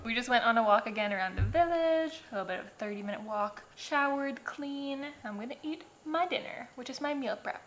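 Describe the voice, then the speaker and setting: Talking a little fast with few pauses, a twenty-something woman with a fairly high, animated voice giggles through a chatty vlog, saying "like" often. She holds the camera at arm's length indoors in her kitchen and dining room, with background noise present.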